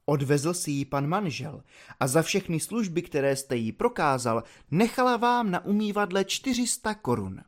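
A man voicing a self-assured army lieutenant who speaks quietly and matter-of-factly. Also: very animated. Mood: dry. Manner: low, quiet and matter-of-fact.

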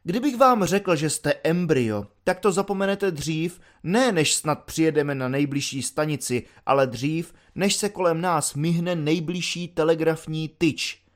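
A man doing a sardonic, educated young volunteer who mocks his superior with long, ironic speeches. His tone is soothing on the surface, and he speaks fairly quietly in the narrator's own voice. He is a figure from a storybook reading. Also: fairly high pitch, lightly acted. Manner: mock-soothing, wordy, ironic lecturing.

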